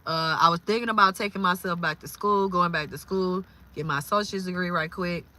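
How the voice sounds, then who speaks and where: A woman, talking casually about faith on a livestream, lively and quick to exclaim. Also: on the low side. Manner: lively, exclaims and laughs often. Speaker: live streamer.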